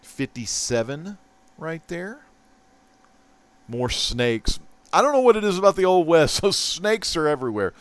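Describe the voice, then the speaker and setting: A man hosting a casual comic book haul vlog, chatty and excitable, swinging from loud bursts to mumbled asides. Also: on the high side, unhurried, pauses often. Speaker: host.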